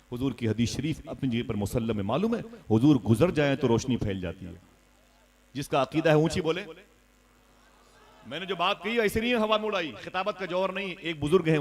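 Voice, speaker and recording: A man preaching a sermon at a live religious gathering, telling a story and swelling to loud cries as he urges the crowd to respond. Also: mid-range voice.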